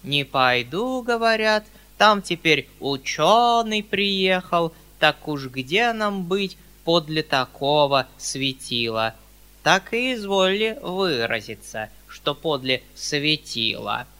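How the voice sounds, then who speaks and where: A man voicing a mocking little old man who slowly relays a sneering refusal. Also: on the high side, sing-song, bright, forceful tone, clean tone, heavily acted.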